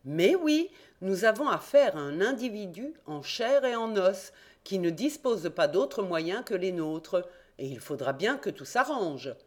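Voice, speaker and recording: A woman reading an audiobook, voicing an eager, confident young male reporter-detective in a raised, excited voice. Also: measured pace. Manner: excited, emphatic, raised and higher voice.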